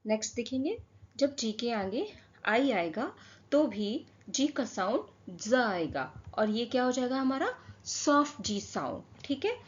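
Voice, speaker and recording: Slow, patient woman teaching phonics. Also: a little high, very animated. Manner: slow, drawn-out word modelling with repeated questions. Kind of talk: phonics lesson for children. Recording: dull lo-fi sound.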